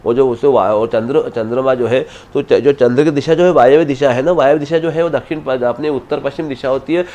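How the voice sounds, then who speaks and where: A man's voice: mid-range voice, steady tone, fairly quick, a little mellow. A man speaking as an astrologer guest in an interview, explaining at length with many restarts and cut-off words. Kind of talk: unscripted interview answers.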